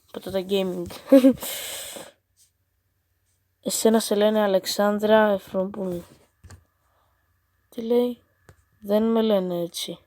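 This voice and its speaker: A female gaming host chats casually as she reads a chatbot's answers aloud, playful and teasing with exasperated asides. Her voice sits at an ordinary middle pitch. The sound is dry and close, with no room around it. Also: a little mellow, dry recording. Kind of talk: casual chat while reading out a chatbot's replies.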